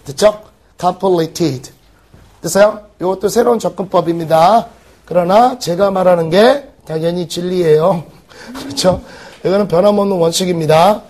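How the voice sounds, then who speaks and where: A man teaching an exam-prep English lesson, firing quick rhetorical questions at the class. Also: high voice, darkish tone. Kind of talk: recorded exam-prep lecture.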